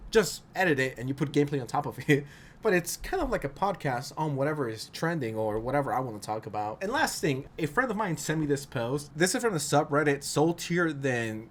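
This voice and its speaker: A man with a slightly high voice gives casual commentary as an online video host. He talks conversationally, as if to friends, and is blunt and opinionated. His wording is slangy and full of swearing. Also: slight background noise. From outside the United States.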